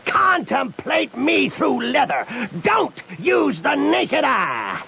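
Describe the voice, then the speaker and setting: In a muffled old radio recording with crowd noise, an actor plays a swaggering, quarrelsome raftsman proclaiming grandiose boasts in bombastic old-time radio style. His exaggerated male voice is very high-pitched, sing-song, slow and raised, with vocal fry.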